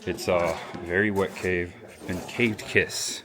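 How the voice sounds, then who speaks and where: A man's voice: low-pitched, fairly even intonation, slow pace. A man giving casual vlog commentary as he walks through a cave on a tour. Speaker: vlogger on a tour. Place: inside a wet cave. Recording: clear crowd noise in a cave.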